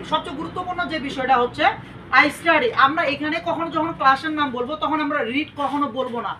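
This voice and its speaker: A woman leads an English lesson in a classroom, spelling out phrases slowly and correcting pronunciation. Her voice is high and bright. She is picked up from some distance with faint background noise. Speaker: English teacher.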